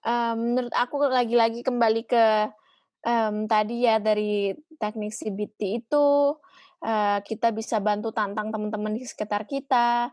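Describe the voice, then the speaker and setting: Psikolog perempuan yang menjelaskan dengan lembut. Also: female voice, fairly high pitch, level tone, moderate pace, clear, resonant tone, no room sound. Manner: mixes English phrases into Indonesian, gentle explaining with "eee" fillers. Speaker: psychologist guest. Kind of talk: Q&A answers on mental health.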